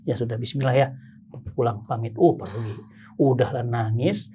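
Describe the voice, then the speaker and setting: A man hosting a podcast, telling a personal story with lively acted-out voices. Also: medium pitch, normal speed, noisy background. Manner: lively storyteller who acts out the voices of people in his tale. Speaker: podcast host. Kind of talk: casual chat, animated storytelling.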